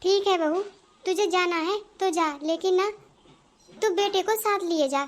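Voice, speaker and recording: A woman voicing a proud, stubborn older mother-in-law in a cartoon, nagging and lecturing in a very high voice. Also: a little slow. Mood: scolding. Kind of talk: Hindi cartoon voice acting.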